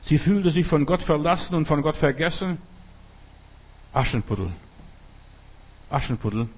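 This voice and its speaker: Veteran male pastor, fervent repetitive preaching, raised pitch. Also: steady tone, a little fast, darkish tone. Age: older. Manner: emphatic, repetitive preaching with dramatic prayers. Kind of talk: sermon.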